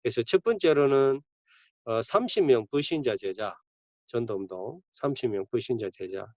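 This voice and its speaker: Preaching a sermon at a moderate pace, a campus ministry pastor talks conversationally in an animated, medium-pitched voice, with abrupt moments of emphasis. There's no echo, and the recording sounds dull, dry, and lo-fi.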